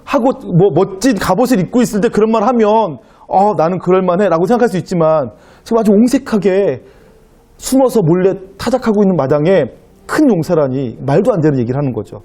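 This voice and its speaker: A man's voice: high voice, animated, fairly quick, mellow. A man preaching a sermon as pastor, asking the congregation rhetorical questions and acting out biblical dialogue. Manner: acts out biblical dialogue in quotes.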